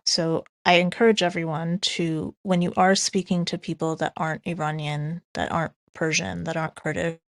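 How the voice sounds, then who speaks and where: A woman's voice: on the low side, no echo, studio quality. A woman from Iran speaking in an online audio chat room, earnest and casual, with frequent ums and restarts. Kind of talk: casual spoken remarks.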